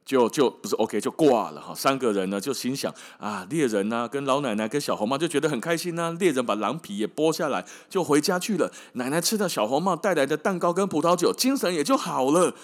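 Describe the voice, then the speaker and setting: A man's voice: medium pitch, expressive, brisk, few pauses. A man with a Taiwanese Mandarin accent retelling a fairy tale casually as a podcast host, dropping in joking asides and Hokkien words.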